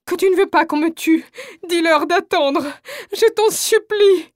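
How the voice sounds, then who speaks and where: Brief: woman doing a distraught mother, crying and begging, high voice, dry close sound. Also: a little slow, no echo. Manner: pleading, screaming, sobbing. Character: desperate mother, pleading for her children.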